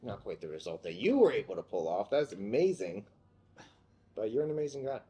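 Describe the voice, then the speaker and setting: Young male host, low voice, chatty teasing interviewer, filler-heavy. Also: sing-song, brisk, dark tone. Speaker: podcast host. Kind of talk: casual interview chat. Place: in a theater building.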